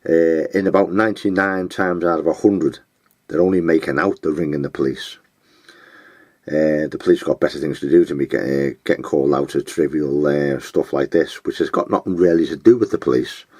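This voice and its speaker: A man giving advice in an unscripted monologue, blunt and scornful, with frequent pauses and filler words. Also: very deep voice, steady tone, a little mellow, no room sound. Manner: blunt, scornful, name-calling; halting, with many fillers.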